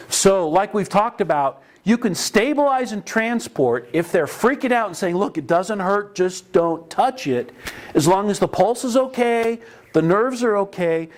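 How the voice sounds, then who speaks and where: A middle-aged man teaching an emergency medical class in a classroom, talking casually and mixing in stories from calls. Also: fairly high pitch. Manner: conversational, anecdotal, with frequent restarts. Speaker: EMS instructor. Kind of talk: classroom lecture. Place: training classroom.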